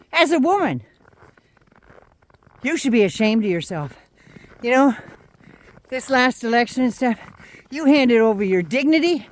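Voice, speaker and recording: Angry older woman ranting, higher voice. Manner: heated, profane, sarcastic ranting. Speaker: vlogger. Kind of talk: angry political rant.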